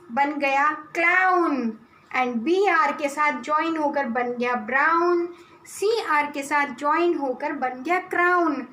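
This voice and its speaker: Slow, bright Indian kindergarten teacher. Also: female voice, high-pitched, reverberant, slight background noise, low-quality recording. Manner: slow, deliberate spelling out of sounds and letters; mixes English and Hindi in her explanations. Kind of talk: online phonics lesson for small children.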